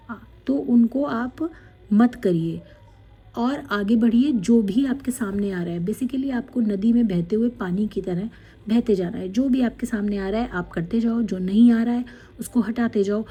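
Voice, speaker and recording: A woman tarot card reader, gently guiding viewers through a spiritual card reading, with many fillers. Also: fairly high pitch, slightly rough. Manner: slow, gentle guidance with many fillers, reading card messages aloud in English.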